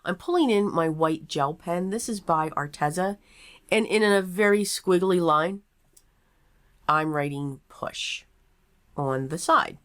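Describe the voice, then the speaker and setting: The room is echoey and sounds sparsely furnished. In it, a woman with a somewhat low-pitched voice hosts a craft tutorial. She talks casually and without hurry, explaining each step out loud. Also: takes it slowly. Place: small table in a nearly empty craft room.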